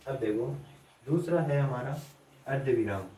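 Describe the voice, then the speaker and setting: Guy teaching a grammar class, mellow voice, kinda far from the mic, roomy echo. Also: medium pitch. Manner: slow, repetitive explaining with quiz-like questions to students. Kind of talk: online grammar lesson. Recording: echoey room from a distance.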